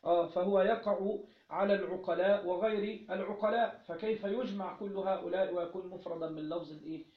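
A man's voice: sits high, fairly even intonation, a little fast. A man with an Egyptian accent teaching a religious text, asking questions and then answering them himself, often repeating key phrases. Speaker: teacher of Islamic jurisprudence. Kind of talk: religious lesson, explaining a text. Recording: roomy, dull lo-fi recording.

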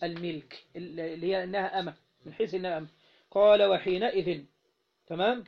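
A man's voice sits high with fairly even intonation, a quick pace and vocal fry. In an Egyptian Arabic accent, he teaches a classroom lesson on Islamic jurisprudence, reading a text aloud, explaining it, and repeatedly prompting students to fill in words. The recording sounds dull and lo-fi.

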